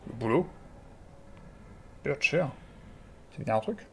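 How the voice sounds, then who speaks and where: A man's voice: medium pitch, very animated, takes it slowly, creaky, darkish tone, slight background noise. A man hosting a let's play, reading game dialogue and making offhand, muttered asides as he goes. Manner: offhand, mumbling asides to himself. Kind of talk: casual game commentary, reading dialogue aloud.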